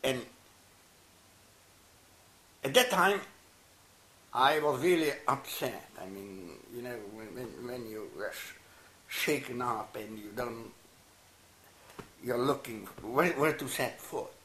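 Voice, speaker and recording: With lively intonation and a medium pitch, an older Italian-speaking man answers interview questions reflectively. This anthropologist stammers and starts over, his manner warm and halting, with soft laughs. The recording carries a roomy echo and slight noise.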